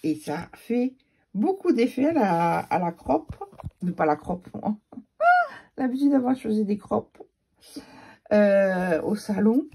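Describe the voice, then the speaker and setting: A woman's voice: mid-range voice, wildly swooping pitch, slow, pauses often, darkish tone, slightly rough. A woman chatting casually to her viewers in a rambling way, with a noticeable regional accent. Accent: regional French accent. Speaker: scrapbooking vlogger.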